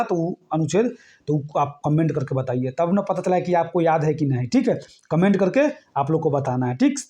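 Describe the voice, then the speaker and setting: A man with a fairly high, mellow voice teaches an exam-prep lesson. He repeats his points and keeps checking in with the class by asking "ठीक है?"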